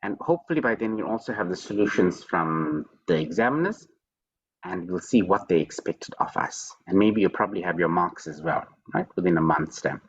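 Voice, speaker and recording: Husky-voiced man tutoring on a video call. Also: low-pitched, expressive, brisk, highs cut off. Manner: playful, repeats words, teasing self-praise. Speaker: programming lecturer. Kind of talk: online tutoring session.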